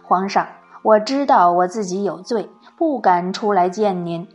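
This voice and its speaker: An unhurried, composed magician from a storybook, voiced by a woman storyteller. His voice sits lower than the narration, and he stays calm and steady. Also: faint music behind, natural voice. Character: calm clever male magician.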